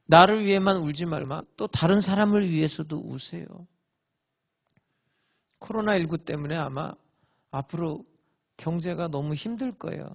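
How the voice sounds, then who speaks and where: A male pastor preaching a sermon, swinging between loud emphatic lines and hushed whispers. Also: high-pitched, creaky, breathy edge, muffled recording. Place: church sanctuary.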